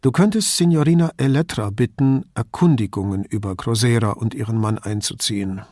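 A man reading an audiobook, voicing a firm, dryly ironic male police commissioner giving brisk instructions. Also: mid-range voice, dark tone, dry recording, studio quality, lightly acted.

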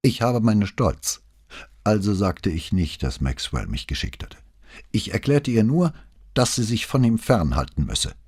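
A man's voice: fairly low pitch, sing-song, unhurried, darkish tone, husky, no echo, clean studio sound, pitched above the performer's own voice, exaggerated voice. A man voicing a proud, agitated married woman. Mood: pressed. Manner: pressed, indignant, self-righteous.

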